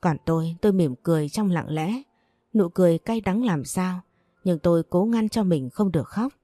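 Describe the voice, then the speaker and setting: A woman narrating a first-person story in a gentle, measured way. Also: on the low side, no echo.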